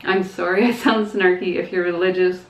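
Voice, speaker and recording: A woman's voice: lowish voice, steady tone, normal speed. A young woman talking frankly in a casual opinion vlog, earnest but hesitant, with fillers and small laughs. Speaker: vlogger. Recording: echoey, dull room sound.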